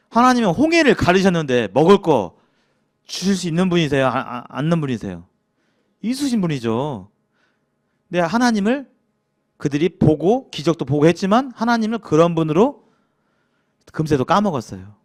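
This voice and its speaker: A man with a Jeolla accent teaching a casual church Bible lecture, asking the class questions and acting out grumbling quotes. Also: a little high. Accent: Jeolla Korean. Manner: lively, acts out grumbling quotes, chuckles, asks the class questions.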